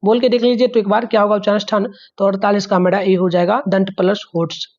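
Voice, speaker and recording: A man's voice: sits high, flat delivery, a little mellow. Male tutor talking students through a test, sounding letters aloud, muffled recording. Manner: drawn-out repeated sounds, frequent fillers, addresses the children. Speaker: teacher. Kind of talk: exam answer walkthrough.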